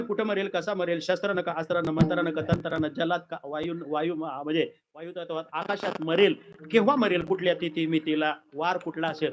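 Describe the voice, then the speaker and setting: A man performing a kirtan, telling a sacred story in a lively, dramatic way with comic asides. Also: on the high side, muffled recording, background noise.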